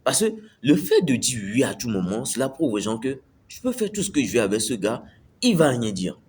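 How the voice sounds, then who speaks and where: A man's voice: medium pitch, wildly swooping pitch, fairly quick, a little mellow, a little hiss or hum. A man giving a casual motivational talk to camera, repeating his points and checking the listener follows. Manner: conversational, repeats phrases, asks "tu me suis". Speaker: self-improvement video host.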